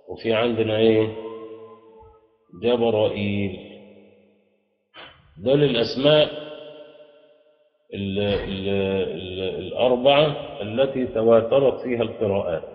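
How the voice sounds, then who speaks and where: A man with an Egyptian Arabic accent teaching a Quran class, leaving sentences unfinished so his students can supply the answer. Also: on the low side. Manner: quizzes students with half-finished prompts. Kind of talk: classroom lesson with call-and-response. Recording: echoey hall, dull lo-fi sound.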